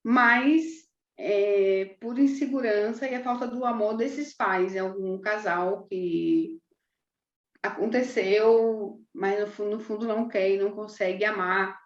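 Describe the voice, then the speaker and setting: A woman's voice: medium pitch, takes it slowly. A woman with a Brazilian Portuguese accent moderating a podcast, asking questions hesitantly and correcting herself as she goes. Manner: hesitant, self-correcting questions with many restarts. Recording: roomy, dull lo-fi recording.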